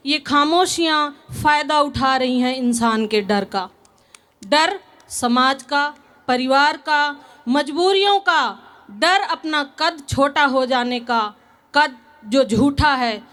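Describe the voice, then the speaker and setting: Woman, earnest poem reading, unhurried delivery, high voice. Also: a bit bright. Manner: measured, earnest reading with repeated lines. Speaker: audience member reading her poem. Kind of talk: poetry recitation.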